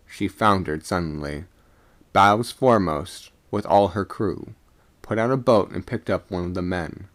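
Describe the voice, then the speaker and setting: A man reading a ghost story of the sea aloud as a storyteller, stumbling now and then over words. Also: low-pitched. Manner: halting, with stumbles and repeated words. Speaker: story reader.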